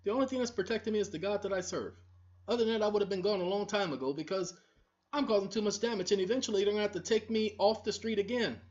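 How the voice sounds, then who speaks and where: Speaking straight to her audience, a female online video host delivers a scolding, preachy lecture that keeps repeating itself. She talks fast in a medium-pitched, darkish voice, recorded in dull lo-fi quality.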